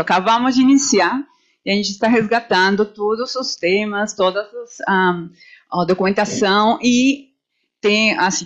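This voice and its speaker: A woman panelist talks off the cuff in an earnest, explaining manner. Her voice sits in a middle register. The event recording is dull and muffled. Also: mid-range voice. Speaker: panelist, executive committee member. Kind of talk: spontaneous panel talk.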